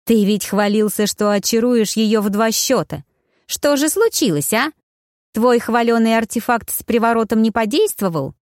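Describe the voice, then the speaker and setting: A woman's voice: a little high, normal speed, darkish tone, no echo, clean studio sound, voice pushed up, close to an everyday voice. A woman voicing a spoiled, scheming young baroness who whines and sneers. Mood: sneering. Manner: indignant, whining, sneering.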